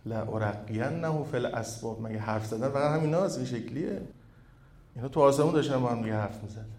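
Guy preaching a sermon on a mic, gets loud and fired up then goes quiet to tell a story, lots of echo, mid pitch. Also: lively intonation. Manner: builds to loud, fervent peaks, then drops to a quiet storytelling tone. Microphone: microphone with echo effect. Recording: echoey hall sound.

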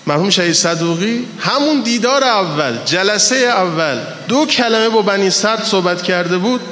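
A man's voice: sits high, lively intonation, bright, forceful tone. A man preaching a storytelling sermon, stretching out key words for emphasis. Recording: echoey hall with long reverb, faint background hiss.

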